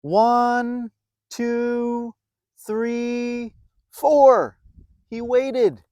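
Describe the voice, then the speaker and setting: A man with an extremely high pitch reads a story to young children, making it playful and expressive with dramatic emphasis and drawn-out words. The recording has no room sound.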